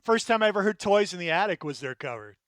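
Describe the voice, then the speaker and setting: Smooth-voiced man chatting about records. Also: high-pitched, sing-song, fast talker, fairly bright tone, no room sound, studio quality. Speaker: podcast co-host. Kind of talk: casual music chat.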